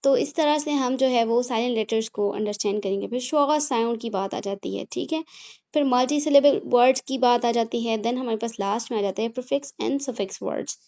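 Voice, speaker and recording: A woman walks through phonics teaching one step at a time, her voice mellow and a little higher than most. She mixes Hindi with English and keeps checking in with the listener. Now and then she stops to correct herself. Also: normal speed. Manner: mixes Hindi and English, explanatory, frequent "theek hai" check-ins; self-correcting with apologies. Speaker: phonics tutor.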